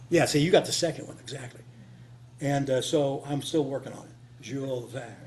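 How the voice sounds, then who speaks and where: Before a small live audience in a meeting room, a conference speaker who writes radio dramas talks informally and off the cuff. He has a medium pitch and moderate pace, keeps a folksy tone, and repeats phrases for emphasis, while clear hum and noise run through the recording.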